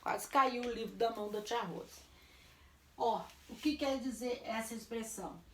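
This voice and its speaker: Slow, echoey Brazilian woman teacher. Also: a little high, a bit bright, a little hiss or hum. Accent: Brazilian Portuguese. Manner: stretches words slowly syllable by syllable, asks and answers own questions. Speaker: primary school teacher. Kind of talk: recorded class lesson for children.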